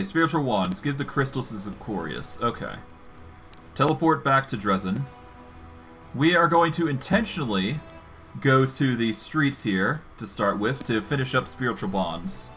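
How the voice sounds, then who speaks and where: A man's voice: mid-range voice, lively intonation, normal speed, a bit bright, soft background music. A man streaming a game, casually narrating his own moves as he goes. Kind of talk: casual live gameplay commentary.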